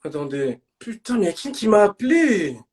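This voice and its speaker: Young man, live stream host, slangy, loud shouting bursts, high voice, lively swings. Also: normal speed. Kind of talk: casual live stream banter.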